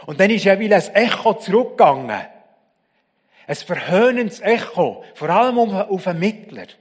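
A man preaching a sermon, telling the story dramatically and swinging from loud to hushed. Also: high-pitched, very animated, normal speed, husky, big-room sound.

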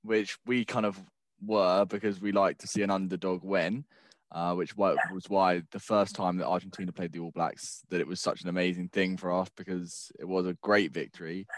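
A man's voice: deep voice, flat delivery, moderate pace, no echo. A man hosting a casual sports chat, teasing his co-hosts with banter. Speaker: podcast host.

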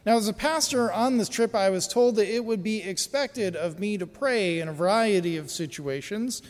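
An American pastor with a high-pitched voice tells a personal story during his sermon, speaking easily and conversationally with pauses and fillers. A long reverb tail follows his words.

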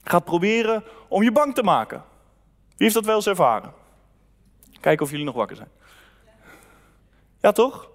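A man delivers a sermon in an easy, conversational way, sharing personal stories and reading scripture aloud. His voice sits fairly high. The sound carries a long reverb, as in a large hall. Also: very animated, normal speed, pauses often. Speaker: pastor.

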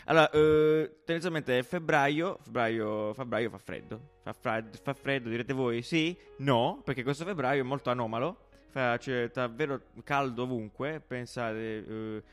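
A male podcast host from Apulia speaks with emphatic, teasing energy and plenty of exclamations. His pitch is average for a man, and the delivery is comedic and chatty, with music playing underneath. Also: measured pace. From Cisternino, Apulia, southern Italy. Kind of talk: lively comedic chat.

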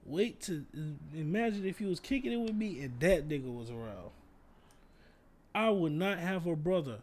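A man with a slightly high voice, telling laid-back stories in a casual chat. He talks in heavy slang and swears freely. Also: animated, normal speed, darkish tone. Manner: laid-back storyteller, laughs through his punchlines. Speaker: podcast co-host.

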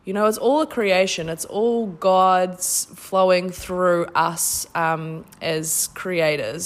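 Effusive New Zealand woman hosting casually. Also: lowish voice. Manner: effusive, informal. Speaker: podcast host. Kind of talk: casual spiritual self-help talk.

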